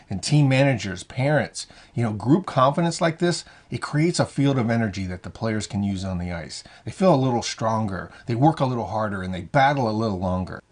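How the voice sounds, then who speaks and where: Husky-voiced man giving hockey pep talk. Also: on the low side. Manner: encouraging, conversational, frequent "you know" and restarts. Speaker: hockey confidence coach. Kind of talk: motivational talk to camera.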